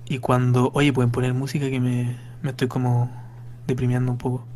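A man's voice: medium pitch, completely flat delivery, brisk, a little mellow, a little hiss or hum. A young man co-hosting a podcast, joking and mock-exasperated in casual chat. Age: young adult. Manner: playful, laughing, mock-exasperated. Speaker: podcast co-host.

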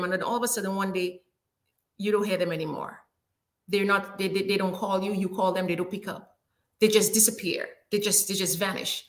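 Bright-voiced woman preaching to a live chat. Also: mid-range voice. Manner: preachy, repeats and restarts words, calls out to listeners. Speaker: talk show host. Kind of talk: motivational faith talk to a live chat.

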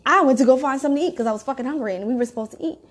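A woman's voice: high-pitched, racing. A woman telling a story in a casual, rambling way, swearing freely. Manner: profane, rambling, animated storytelling.

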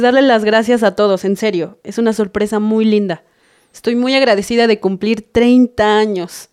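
A woman's voice: a little high, darkish tone, clear, resonant tone, lightly acted. A woman in her thirties playing a shy woman at her surprise thirtieth birthday party, bashful and sweet but firm when pushed. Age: 30s.

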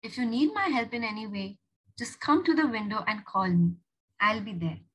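A woman voicing a tender, loving young woman torn by guilt, speaking softly and affectionately. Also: fairly high pitch, lively intonation, normal speed, husky, rough recording. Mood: cheerful.

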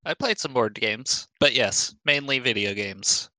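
A man's voice: medium pitch, unhurried, sharp tone, no echo, low-quality recording. A young man co-hosting a casual podcast chat about games, rambling with frequent restarts. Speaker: podcast co-host.

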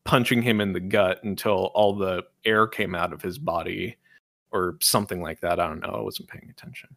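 Rambling low-voiced male podcast host. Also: vocal fry, fairly bright tone, no echo, clean studio sound. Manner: rambling, heavy use of "like" and "uh"; leads the discussion with questions. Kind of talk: casual chat.

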